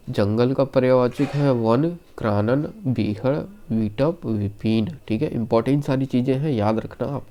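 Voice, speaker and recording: A man teaching an online Hindi exam-prep lesson, slightly hoarse from being unwell, reeling off lists of words and reassuring his students. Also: medium pitch, mellow. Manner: rattles off word lists, reassuring asides to students.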